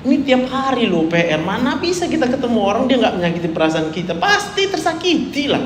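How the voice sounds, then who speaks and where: A man preaching a chatty sermon, teasing the congregation and swinging from hushed to loud. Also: extremely high pitch, very animated, quick pace. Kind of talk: conversational sermon. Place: church hall. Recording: echoey hall with faint room noise.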